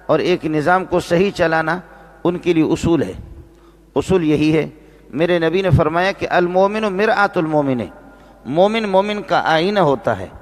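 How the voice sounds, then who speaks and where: A man preaching a religious sermon, repeating phrases and slowing down to stress key words. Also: fairly high pitch. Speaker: Islamic preacher and teacher. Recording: long reverb of a large hall.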